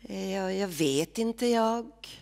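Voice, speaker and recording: A woman voicing a gentle, hesitant old man, in a literary reading. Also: mid-range voice, creaky, lightly acted. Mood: puzzled.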